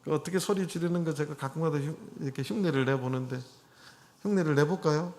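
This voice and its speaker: A middle-aged man delivers a sermon in a church. His voice sits a little high for a man. He talks in a relaxed, chatty way and keeps putting questions to his listeners. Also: slight background noise. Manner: conversational, asks the congregation questions. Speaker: pastor. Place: church hall.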